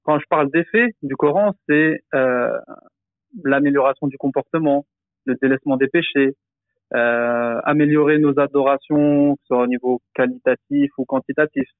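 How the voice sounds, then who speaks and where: A Quran teacher with a mid-range, steady voice explains things slowly in a podcast discussion. He is hesitant, using many fillers and restarts, and the sound is dry and phone-quality.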